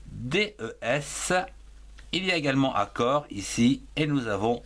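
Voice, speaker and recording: A man who teaches French at primary school leads a slow dictation lesson for young children. His medium-pitched voice is expressive and fairly bright as he spells words aloud letter by letter and sounds out each syllable deliberately.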